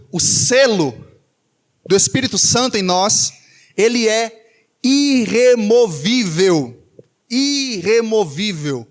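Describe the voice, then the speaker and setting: A man with a Brazilian Portuguese accent preaching a sermon, emphatic, repeating key phrases and asking rhetorical questions. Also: sits high.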